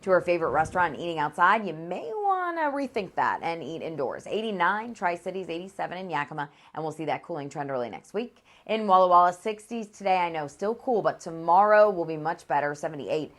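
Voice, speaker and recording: A woman's voice: lowish voice, sing-song, fairly quick, few pauses, fairly bright tone. A woman presenting a TV weather forecast in a conversational, upbeat way. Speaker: meteorologist.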